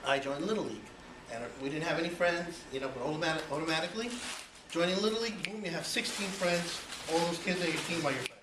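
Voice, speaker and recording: A man's voice: on the high side, fast, few pauses. A Cuban-born man in his forties giving a personal speech to an audience, chatty and full of you-knows. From Cuba. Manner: conversational, many you-knows, rhetorical questions. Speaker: speaker giving an icebreaker speech. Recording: echoey room, voice from far off, noisy.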